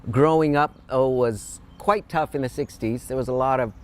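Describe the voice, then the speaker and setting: A man in his sixties, a TV station employee, recalling his past in a reflective, halting interview. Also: mid-range voice, clear, resonant tone. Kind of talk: candid interview.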